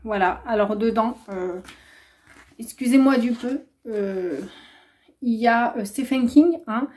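A woman's voice: fairly high pitch, takes it slowly, darkish tone. A young woman chatting casually through a book haul vlog, rambling with plenty of hesitations. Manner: chatty, rambling, many filler "euh"s. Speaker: booktuber.

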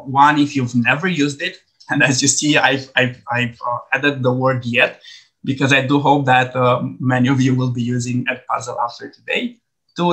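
Leading an online training webinar from a home office video call, a Romanian edtech trainer speaks with a bright, mid-range voice. His style is friendly and relaxed, peppered with frequent "uh" fillers, and the recording is low quality.

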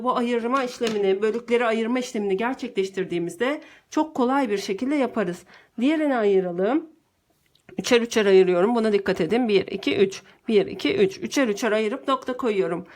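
A woman teacher explaining a math lesson to children step by step, patient and clear, talking over a screen lesson. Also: a little high.

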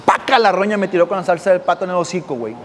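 Casting: male podcast host, high voice, slangy casual anecdotes, roomy reverb. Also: lively intonation, racing, a little hiss or hum. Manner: slangy, drops "güey" constantly, acts out voices. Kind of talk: casual storytelling monologue.

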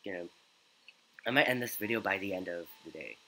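Bright-voiced man doing casual game commentary. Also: sits low, expressive, brisk, rough recording. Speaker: gaming video host. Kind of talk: casual gameplay commentary, reading dialogue aloud.

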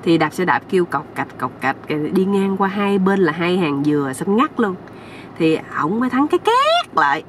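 A woman's voice: fairly low pitch, expressive, moderate pace, distant mic, slight background noise. Chatty Southern Vietnamese woman storyteller. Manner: chatty, folksy, addressing viewers. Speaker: storyteller and channel host. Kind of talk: comic storytelling.

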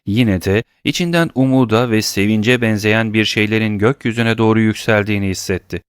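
A man reading an audiobook in a steady, even narration. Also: on the low side, brisk, smooth, no room sound, studio quality.

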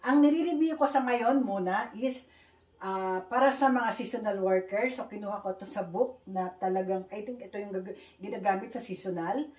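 A woman's voice: medium pitch, moderate pace, a little mellow. A woman who speaks Tagalog as a first language, teaching Korean letters to learners, patiently repeating sounds and mixing in English. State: speaking carefully due to a tooth problem. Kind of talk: online language lesson. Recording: echoey room, faint hiss.

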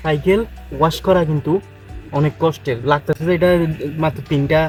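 A man vlogging by a pond in his backyard chats to viewers at a brisk pace, his fairly high voice keeping a fairly even intonation. He's somewhat tired from washing his bicycle, rambles casually, and speaks quietly so the neighbours won't hear. The audio is poor, with soft music in the background.

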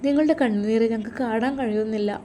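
An affectionate young daughter in a storybook, raising her pitch and hurrying her words in concern, as a woman narrator voices her. Her voice is mellow and warm. A faint hiss sits in the background. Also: natural voice. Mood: worried, caring. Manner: higher, eager, quick.

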